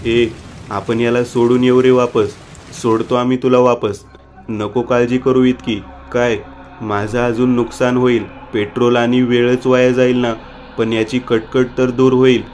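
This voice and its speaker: A man's voice: mid-range voice, little pitch movement, unhurried, a little mellow, a little hiss or hum, close to an everyday voice. A man voicing a stubborn, hot-tempered young man in a storybook reading.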